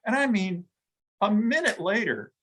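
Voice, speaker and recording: A middle-aged man, a guest in an interview, talking reflectively with frequent pauses, fillers and restarts. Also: sits high, very animated, fairly bright tone, breathy edge, rough recording. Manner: halting, thoughtful, many restarts and fillers. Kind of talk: reflective conversation.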